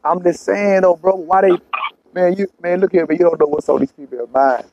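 A man's voice: high voice, steady tone, fairly quick, darkish tone, dry recording, dull audio. A man chatting casually in blunt, profane street slang, often repeating himself to press his point. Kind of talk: casual conversation.

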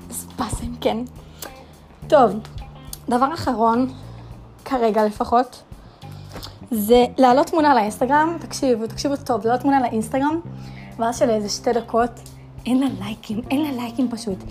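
Young woman rambling on her own podcast, high voice, lots of fillers, faint music behind. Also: pauses often, a little mellow. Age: young adult. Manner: chatty, many fillers, dramatic rhetorical questions. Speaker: podcast host. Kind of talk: casual solo podcast rant.

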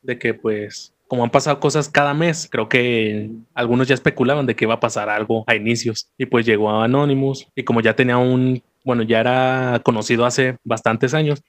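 A man's voice: medium pitch, fairly even intonation, fairly quick, few pauses, dry recording. A young man with a Mexican accent giving his opinion tentatively in a casual chat. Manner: tentative, hedging.

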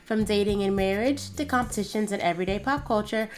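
A woman's voice: medium pitch, fast talker. A woman speaking as a podcast host in an informal, conversational style. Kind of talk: podcast intro and casual chat.

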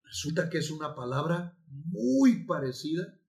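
A man preaching a sermon as pastor, emphatic and repetitive, with sudden loud outbursts. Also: a little high, big pitch swings, measured pace, vocal fry. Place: church altar.

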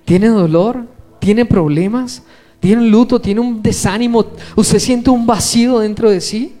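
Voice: medium pitch, a little slow, dark tone. A preacher delivers an impassioned sermon full of rhetorical questions.

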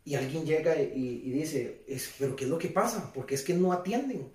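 A man's voice: on the high side, normal speed, darkish tone. A man preaching a conversational sermon who keeps asking his listeners questions and repeats his phrases. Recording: roomy, distant mic.

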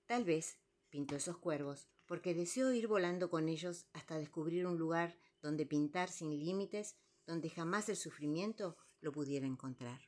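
Low-voiced reflective woman narrator. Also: moderate pace, few pauses, a little mellow. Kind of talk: calm narration.

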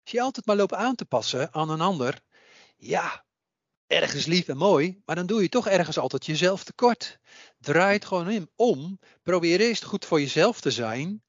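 On a casual podcast, a man who works as a psychic medium talks earnestly, repeating himself to hammer home each point. He has a high, expressive voice and a moderate pace. The recording is dry, though dull and muffled.

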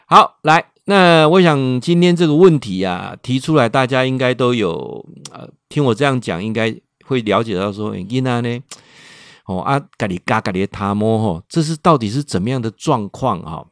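A man, a professor hosting a radio advice segment, chatty and ending phrases with drawn-out particles. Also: medium pitch, expressive, dry recording, clean studio sound. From Taiwan. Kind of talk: radio advice talk answering a listener.

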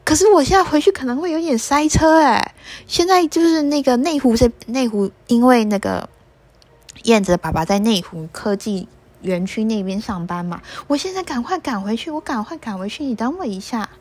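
A woman's voice: on the high side, expressive, a little mellow, dry recording. Woman doing a flustered swallow dad. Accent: Taiwanese Mandarin. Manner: hurried, apologetic. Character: flustered swallow father, hurried.

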